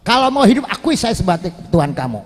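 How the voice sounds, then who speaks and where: A man's voice: animated, moderate pace, slightly rough. A man voicing an arrogant, cruel male tyrant king who snarls in contempt, in a hall with reverb. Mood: threatening. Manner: snarling, contemptuous, low and hushed.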